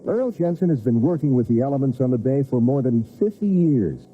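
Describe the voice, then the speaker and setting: A male TV news reporter narrating a scripted feature story in a measured, storytelling delivery. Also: mid-range voice, very animated, a little hiss or hum. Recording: tinny VHS broadcast with music.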